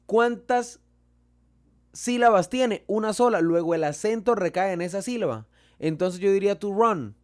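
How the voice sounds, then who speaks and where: Colombian guy teaching a class, slow and careful, slightly high voice, quizzes himself as he goes. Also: expressive, a little mellow. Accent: Colombian Spanish. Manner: slow and deliberate, asks and answers his own questions. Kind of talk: explaining a lesson.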